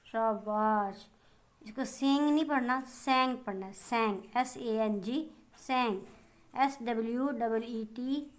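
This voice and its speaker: Slow-spelling woman teacher with Pakistani accent. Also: fairly high pitch. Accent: Pakistani Urdu. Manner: slow, spells words letter by letter and translates them; addresses pupils fondly as children. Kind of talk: online class lesson for young children.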